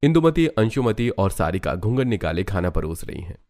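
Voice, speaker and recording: A man narrating a cartoon story, low and even. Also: normal speed. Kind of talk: scripted narration.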